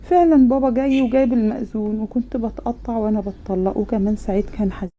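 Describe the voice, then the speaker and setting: A woman with an Egyptian accent narrating her own sad story in the first person, soft and hushed, repeating words for emphasis. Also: fairly high pitch, racing, narrow, tinny audio, slight background noise. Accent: Egyptian Arabic. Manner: soft, hushed and repetitive, dwelling on sorrow.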